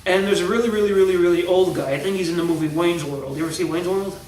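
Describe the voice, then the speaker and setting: A man's voice: sits high, fast, darkish tone. Man telling stories far from the mic. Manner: rambling storyteller with restarts, acts out quoted lines. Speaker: co-host. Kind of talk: casual chat, retelling movie scenes and jokes. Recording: roomy, distant mic with faint hiss.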